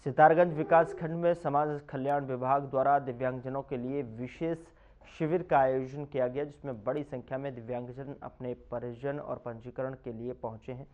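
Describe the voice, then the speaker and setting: A man's voice: mid-range voice, fairly even intonation, normal speed. A man reading regional news reports in a punchy, emphatic voice-over style. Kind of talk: scripted news narration. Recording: slightly muffled lo-fi audio.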